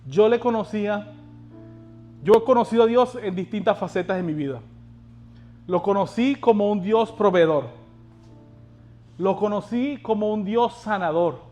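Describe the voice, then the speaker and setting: A man's voice: sits high, a little slow, long pauses, dark tone, highs cut off, faint music behind. A male pastor preaching a sermon, urging the congregation on and asking them rhetorical questions.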